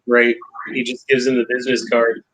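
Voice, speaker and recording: Man co-host, husky voice, easygoing livestream chatter over a video call. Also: mid-range voice, completely flat delivery, moderate pace, fairly bright tone, rough recording. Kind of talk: casual livestream discussion.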